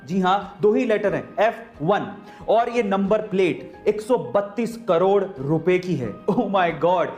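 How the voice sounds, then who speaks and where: A man's voice: sits high, darkish tone. A man hosting a facts video, who poses questions to viewers and then answers them. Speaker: host of a facts channel. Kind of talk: scripted facts narration. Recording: echoey room with faint music.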